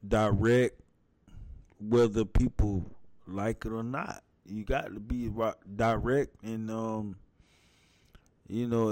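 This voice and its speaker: A man's voice: lowish voice, a little mellow, dry recording. A man guest in casual profane chat, blunt and preachy, tagging "man" onto his lines. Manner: laid-back, blunt, preachy, says "man" a lot.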